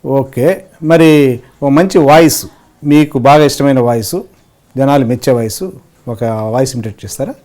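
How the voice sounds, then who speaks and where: A male interviewer asks his guest questions in a mellow, darkish voice. He listens attentively and fills the pauses with steady hums of agreement. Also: mid-range voice. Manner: attentive, frequent back-channel hums.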